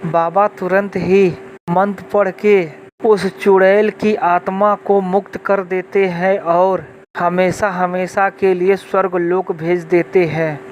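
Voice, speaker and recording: A man tells a scripted moral story in a flat, unvarying voice. He recites plainly and without hurry. The recording is dull and lo-fi, with faint noise behind him. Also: high voice, takes it slowly. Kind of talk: scripted narration of a moral folk tale.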